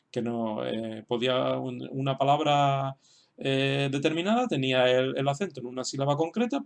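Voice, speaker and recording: A man's voice: mid-range voice, creaky. A man from explaining a language lesson in an unscripted way, hesitant, with many fillers and restarts. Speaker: teacher.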